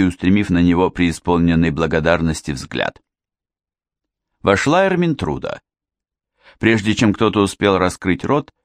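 A male audiobook narrator reads in a deep, measured voice. The recording is dry and close, with almost no room sound. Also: no room sound. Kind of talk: scripted narration.

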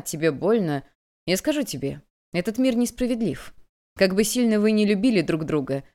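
A woman voicing a young male eunuch who speaks calmly, coldly and mockingly. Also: on the low side, close to an everyday voice. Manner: calm, cold, taunting.

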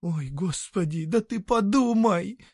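A man voicing a young peasant woman who coaxes and pleads in a hushed, urgent way. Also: high-pitched, expressive, slow pace, husky, no room sound, studio quality, voice pushed up, exaggerated voice. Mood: pleading, urging. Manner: pleading, coaxing whisper.

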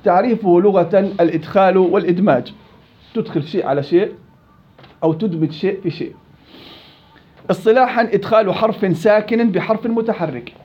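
In a classroom, a man with a Levantine Arabic accent teaches Quran recitation, quizzing his students, praising their answers and drawing out example words slowly. His voice sits high, and the recording's highs are cut off.

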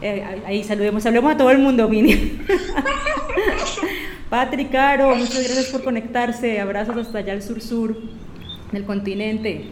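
A woman's voice: a little high, steady tone, moderate pace, roomy sound, background noise. A woman hosting a live radio program, greeting listeners and summing up the conversation. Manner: warm greetings, reads listener messages. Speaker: radio host.

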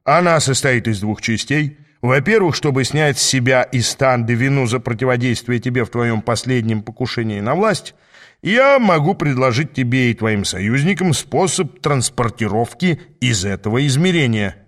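A smooth-talking male demon, glib and haughty, always a step ahead of everyone, as a man reads him aloud. He speaks a touch higher and brighter than the narrator's plain voice, persuasive and sure of himself. An audiobook character reading. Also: expressive, moderate pace, natural voice. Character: cocky scheming male demon, smooth talker.

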